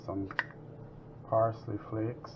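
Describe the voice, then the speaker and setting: Speaking very slowly in a voice on the low side, a man hosts a home cooking lesson in his kitchen. He keeps up relaxed, casual talk as he works; the dull lo-fi audio picks up kitchen noise.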